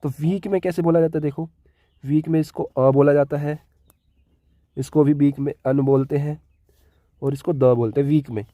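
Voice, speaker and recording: A man's voice: a little high, fairly even intonation, normal speed, pauses often, warm tone, dry recording, clean studio sound. A man with a Hindi accent teaching an English grammar lesson, explaining step by step and often checking in with his listeners. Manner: repeats key words and keeps checking with "ठीक है".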